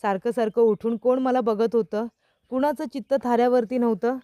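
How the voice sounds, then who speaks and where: A woman's voice: fairly high pitch, steady tone, brisk, dark tone, no room sound, clean studio sound, lightly acted. A woman voicing a young husband who teases his wife and then patiently explains, asking rhetorical questions. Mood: teasing. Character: young man, teacher, teasing then earnest.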